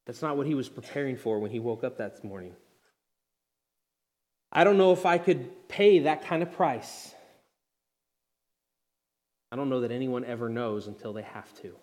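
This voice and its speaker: A man delivering a sermon in an earnest, direct way. His voice sits at an ordinary middle pitch. He moves between soft, hushed passages and loud, emphatic ones. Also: expressive, normal speed, long pauses. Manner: dynamic preaching, swinging from hushed to loud. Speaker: pastor.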